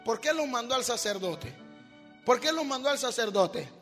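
A male preacher giving a sermon, calling listeners brother and rising to shouts. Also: very high-pitched, sing-song, normal speed. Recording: long hall reverb with faint music.

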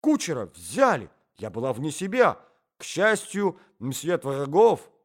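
A man voicing a flustered, flirtatious society lady who gushes in breathless, shrill exclamations. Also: sing-song, moderate pace, darkish tone. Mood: gushing.

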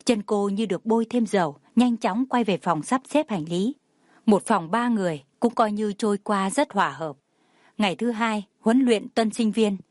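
A woman's voice: mid-range voice, dry recording. Woman narrating a story, dry close sound. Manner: steady storytelling. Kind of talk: scripted audio-novel narration.

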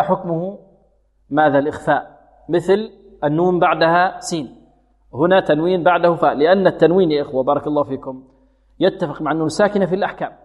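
A man teaching Quran recitation rules. He asks his students questions and answers them himself, and he recites verses slowly as examples. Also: on the high side. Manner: has students repeat sounds after him. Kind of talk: tajweed lesson with slow recited examples. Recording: phone-like audio with long hall reverb.

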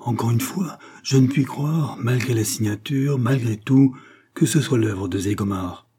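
A man's voice: mid-range voice, measured pace, mellow, breathy edge. A man reading the lines of a shrewd, grave middle-aged detective chief who reasons with insistence. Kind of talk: scripted narration.

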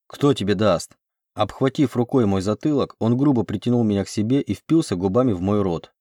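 A man narrating an audiobook chapter in a measured storytelling manner. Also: on the low side, mellow, no echo, studio quality. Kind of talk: scripted narration.

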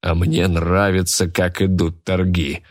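A man's voice: sits low, level tone, no room sound, studio quality. A man voicing a smug, greedy male auctioneer who draws out his announcements. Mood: gloating. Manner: drawn-out, gloating announcing.

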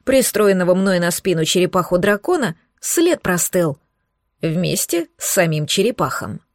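A woman narrating a fantasy audiobook in a playful, expressive way, also voicing the heroine. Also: fairly low pitch, moderate pace.

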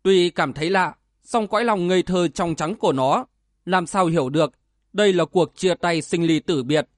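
A man narrates a martial arts novel as an audiobook, steady and dramatic. His voice sits fairly high for a man, and the recording is dry and close with no room sound. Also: normal speed, dry recording.

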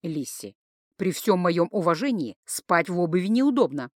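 A woman voicing a tired, patient male mage who speaks low and calmly. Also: normal speed, no room sound, studio quality. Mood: weary. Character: weary patient male mage, dry and calm.

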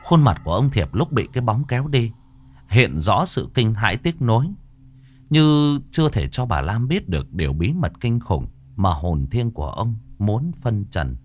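A man narrating a ghost story in a slow, somber way. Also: on the low side, sing-song. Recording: faint music behind the voice.

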